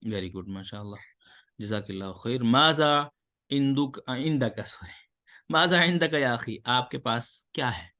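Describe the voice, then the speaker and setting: A man's voice: mid-range voice, pushed and bright. Man teaching Arabic line by line. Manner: reads Arabic lines, then translates and explains; praises the student's answers. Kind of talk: online Arabic lesson.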